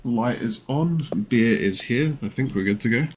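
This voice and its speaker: A man's voice: medium pitch, lively intonation, moderate pace, noisy background. A man narrating a tabletop game as game master, setting the scene and explaining the rules patiently.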